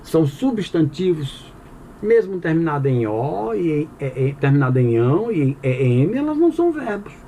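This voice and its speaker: A man's voice: a little high, big pitch swings, moderate pace, mellow, a little hiss or hum. A man teaching a Portuguese grammar lesson in a conversational, explanatory way, asking the listener questions and answering them himself. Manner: conversational with frequent "tá bom?" check-ins.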